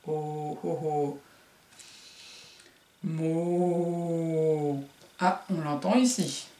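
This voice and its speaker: Slow, echoey woman teacher. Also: medium pitch, darkish tone, a little hiss or hum. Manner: slow, syllable-by-syllable, encouraging. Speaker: kindergarten teacher. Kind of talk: remote phonics lesson for young children. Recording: roomy echo.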